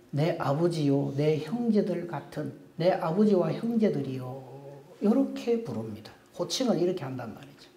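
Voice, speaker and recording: A man preaching with a high, lively voice that leaps up and drops low. His tone is mellow and warm. The sound rings with the echo of a church hall. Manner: animated, acts out quoted speech. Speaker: pastor. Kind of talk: sermon. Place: church sanctuary.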